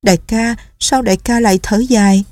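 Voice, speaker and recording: A woman's voice: fairly high pitch, steady tone, brisk, a little mellow, dry recording, pitched above the performer's own voice, natural voice. A woman voicing a tearful timid young nun. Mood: anxious pleading. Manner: pleading, anxious, stammering.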